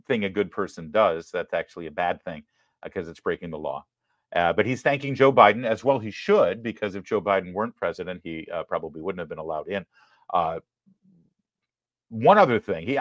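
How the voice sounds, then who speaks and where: A man's voice: low voice, a bit bright, no echo. An American man giving political commentary in a sarcastic, emphatic manner.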